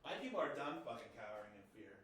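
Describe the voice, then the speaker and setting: A man's voice: fairly low pitch, sing-song, quick pace, a bit bright. A man hosting a casual podcast chat, blunt, opinionated and profane. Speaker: podcast host. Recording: echoey room, mic at a distance.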